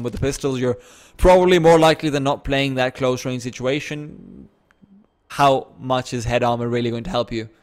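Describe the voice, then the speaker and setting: A man doing fast play-by-play commentary on an esports match, getting excited on big plays and throwing in self-deprecating asides. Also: mid-range voice.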